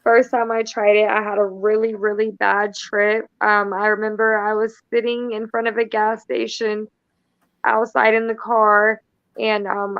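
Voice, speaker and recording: A woman's voice: mid-range voice, creaky, dry recording. Candid woman on a lo-fi call. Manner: candid and matter-of-fact, with light laughs. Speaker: guest. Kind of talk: casual conversation.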